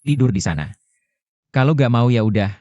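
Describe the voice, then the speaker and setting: An actor dubbing a cocky, vain young rich boss in a drama series, talking in a smug, teasing way. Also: male voice, mid-range voice, animated, moderate pace, dark tone, no echo, lo-fi sound, lightly acted. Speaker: dub actor. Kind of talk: Indonesian dub of a drama series.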